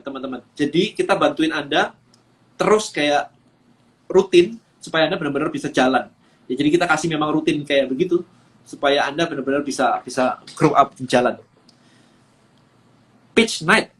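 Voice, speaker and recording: A man's voice: a little high, moderate pace, pauses often, fairly bright tone. A man coaching on a live stream, talking energetically and mixing English phrases into his speech with frequent fillers. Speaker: business coach.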